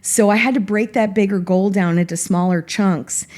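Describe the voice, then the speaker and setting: A woman's voice: mid-range voice, normal speed. A middle-aged woman, a former teacher, telling a vivid story as a podcast guest. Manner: animated storyteller.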